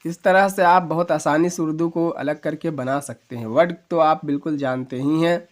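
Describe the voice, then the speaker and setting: Fairly high-voiced man teaching letter by letter. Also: steady tone. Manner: spells words out slowly, letter by letter; patient, explanatory, asks and answers his own questions. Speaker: Urdu teacher. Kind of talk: casual video lesson.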